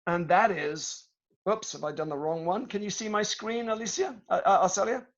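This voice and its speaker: A middle-aged British man tells business stories to a student audience, speaking in a measured, reflective way with many small pauses. His voice sits a little high for a man. It comes through a dull, lo-fi video call line. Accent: British English. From Britain. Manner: measured, reflective, with frequent hesitations. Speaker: guest speaker, tech executive. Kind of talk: storytelling talk to students.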